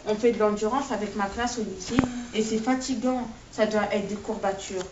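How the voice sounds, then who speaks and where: A woman's voice: medium pitch, steady tone, normal speed, background noise. Woman reading her novel aloud. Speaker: author reading from her book. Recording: distant, echoey, dull-sounding recording.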